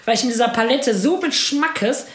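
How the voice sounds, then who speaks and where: A man's voice: very high-pitched, moderate pace, a bit bright, slight background noise. A young man casually telling a long story in slangy, rambling chat, full of tag questions and "so I was like". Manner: rambling, slangy, lots of "ne?" and "ich so". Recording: roomy echoey sound.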